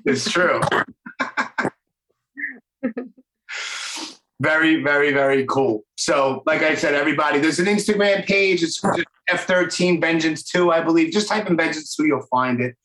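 A man's voice: fairly high pitch, normal speed, pauses often, a bit bright, echoey room, a little hiss or hum, rough recording. A man with a Brooklyn accent hosting a podcast interview, chatty and enthusiastic in casual talk. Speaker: podcast host.

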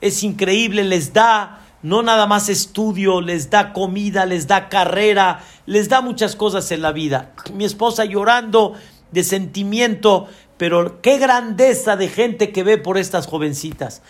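A man's voice: high voice, measured pace. A man, a rabbi telling a dramatic story in a sermon and voicing the women in it.

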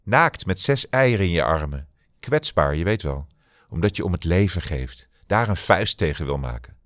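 A man's voice: deep voice, expressive, normal speed, a bit bright, no echo, studio quality. A man voicing a pushy campaign organizer on the phone, rambling and persuasive as he searches for words, in a storybook reading. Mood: coaxing.

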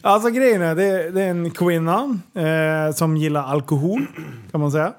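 A man with a fairly high voice, chatting casually on a podcast. He tells his story in an animated way, swearing freely and laughing often.

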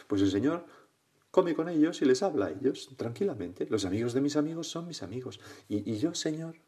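A man, a priest leading a guided prayer meditation in a reflective, conversational way, often ending thoughts with a soft questioning tag. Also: mid-range voice.

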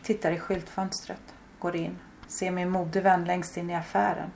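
Low gravelly woman reading an audiobook chapter, short choppy sentences. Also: little pitch movement, darkish tone, slight background noise. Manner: terse present-tense fragments. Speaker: narrator. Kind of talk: audiobook narration.

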